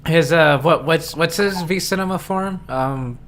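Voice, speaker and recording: A man hosting a live stream chat, relaxed and often hesitant, trailing off mid-thought. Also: a little high, unhurried, a little hiss or hum. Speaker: stream host.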